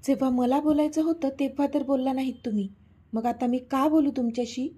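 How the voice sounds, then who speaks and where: A woman's voice: high-pitched, steady tone, brisk, warm tone, slightly rough. A woman voicing an irritated young woman who pushes back defiantly, in a storybook reading. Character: young woman, angry and proud heroine.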